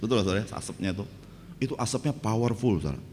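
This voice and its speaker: Man, pastor, joking sermon storytelling, animated pitch, long church reverb, faint hiss. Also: very fast. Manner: jokey, keeps asking the congregation "right, brothers and sisters?"; grows louder and more fervent in preaching. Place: church hall. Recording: church hall reverb, faint background noise.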